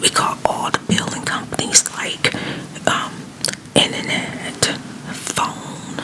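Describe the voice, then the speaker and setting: Woman whispering a quiet ASMR storytime. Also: slow, poor audio. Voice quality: breathy unvoiced whisper. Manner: conversational, rambling storytelling with asides.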